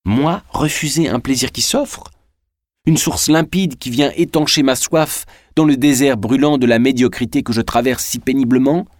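A man's voice: mid-range voice, moderate pace, no echo, clean studio sound, pitched above the performer's own voice, close to an everyday voice. A man voicing a proud, ambitious young man of peasant birth in an audiobook reading. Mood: proud, bitter.

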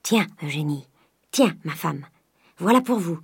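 A woman voicing a miserly old man who is by turns gruff and wheedling, with a lower voice and shifting pace. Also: lively intonation, a little slow, no echo, clean studio sound, heavily acted. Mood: coaxing, gruff.

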